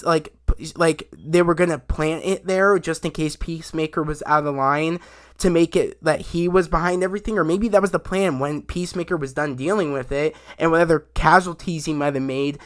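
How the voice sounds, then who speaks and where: A young man giving a casual, rambling recap of a TV episode, full of restarts and fillers. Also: fairly high pitch. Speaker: YouTube show reviewer.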